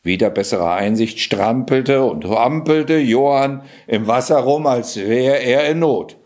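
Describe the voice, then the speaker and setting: A man reading a fairy tale aloud in an expressive way, now and then adding casual asides. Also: medium pitch, measured pace. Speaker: storyteller.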